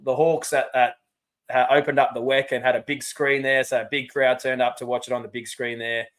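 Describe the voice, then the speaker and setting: Dad in his forties, podcast co-host, middling pitch, heartfelt storyteller. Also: a bit bright. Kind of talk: casual podcast chat, storytelling.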